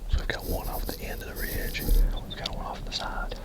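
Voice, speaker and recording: A man in whispered role-play, out of breath as he narrates his hunt in a hushed whisper while hiking a steep forested mountain ridge outdoors. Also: moderate pace. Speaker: hunter filming his hunt.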